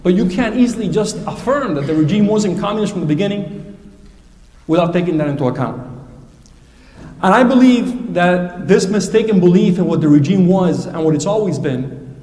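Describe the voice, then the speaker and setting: Man debating in a lecture hall, pointed and academic, high voice, roomy echo. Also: a little mellow. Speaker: debate speaker. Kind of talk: formal critical debate remarks. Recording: echoey hall, distant mic.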